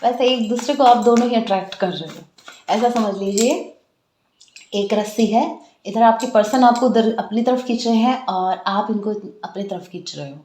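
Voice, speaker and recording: A woman's voice: a little high, normal speed, reverberant, a little hiss or hum. Chatty Indian woman with a sore throat. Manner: chatty, animated, addresses viewers as guys. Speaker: tarot reader. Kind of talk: casual tarot reading to camera.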